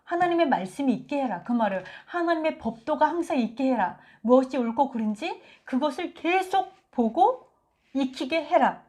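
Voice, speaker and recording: A woman giving a conversational Bible teaching, lively and acting out quotes from scripture. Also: high voice, normal speed. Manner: animated, acts out biblical quotes.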